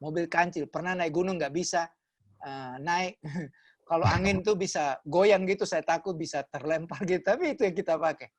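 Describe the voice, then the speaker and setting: A pastor giving a testimony sermon over a video call, telling the story with lively acted quotes that swing between loud and soft. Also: male voice, a little high, normal speed.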